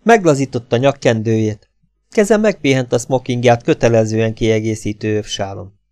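A male narrator reads a novel in a steady, unhurried way, keeping his pitch in a plain middle range. The recording is close and dry, with no echo around the voice. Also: clear, resonant tone. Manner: calm, even reading. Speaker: audiobook narrator. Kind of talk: scripted audiobook narration.

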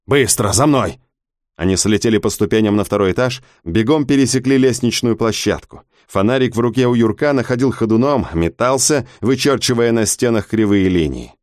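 A man's voice: medium pitch, brisk, hardly any pauses, a little mellow, no room sound, clean studio sound. A man giving tense, vivid dramatic audiobook narration.

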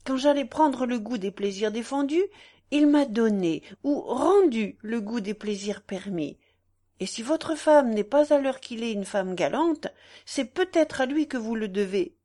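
An earnest young wife in an audiobook, read by a woman, fairly high-voiced and lively in melody. She pleads and defends herself with wounded sincerity. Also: unhurried.

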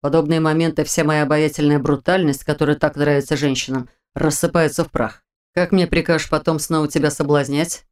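A woman's voice: low-pitched, fairly even intonation, a little fast, a little mellow, clean tone, pitched below the performer's own voice, close to an everyday voice. Woman voicing a grumbling sick general. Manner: grumbling, wry. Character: weak bedridden male general, grumbling and teasing.

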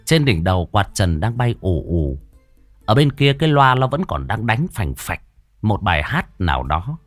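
Lively male storyteller. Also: fairly low pitch, normal speed, no room sound, faint music behind. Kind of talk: storytelling narration.

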